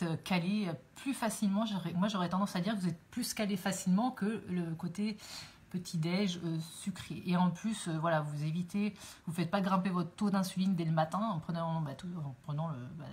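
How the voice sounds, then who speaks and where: A woman's voice: on the low side, fairly quick, darkish tone. A woman hosting a casual live cooking stream from her home kitchen, chatting with viewers through her phone and rambling with many fillers.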